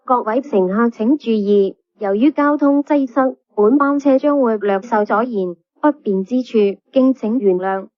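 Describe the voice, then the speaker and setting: A woman reading calm, formal bus announcements played over a PA system. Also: a little high, unhurried, few pauses, dry recording. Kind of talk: scripted public announcement. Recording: dull lo-fi PA playback.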